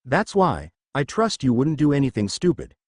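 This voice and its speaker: A man voicing a calm, confident adult male hero in a read-aloud story. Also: medium pitch, normal speed, no echo, clean studio sound.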